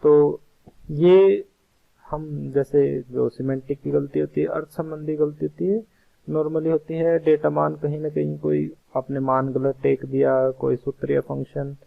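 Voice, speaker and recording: A male teacher explaining a computer science lesson slowly and patiently, often rephrasing the same point. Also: mid-range voice, creaky. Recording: tinny phone-like audio.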